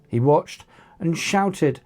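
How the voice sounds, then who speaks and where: An author narrates their own action story at a slow pace and medium pitch. The delivery is animated and dramatic, with the dialogue acted out.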